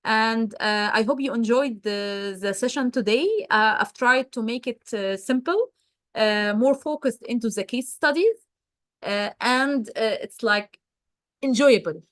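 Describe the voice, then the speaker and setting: A woman's voice: on the high side, measured pace, no echo. Dry-voiced woman presenting a webinar. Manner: hesitant, many fillers and restarts. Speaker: webinar presenter, wellsite geologist. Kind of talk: answering questions in a live webinar.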